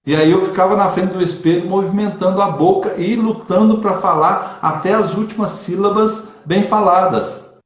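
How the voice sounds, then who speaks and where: A man's voice: sits high, moderate pace. Man with emphatic earnest delivery, echoey room. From Brazil. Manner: earnest, emphatic, repeats for stress. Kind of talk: casual online chat on preaching.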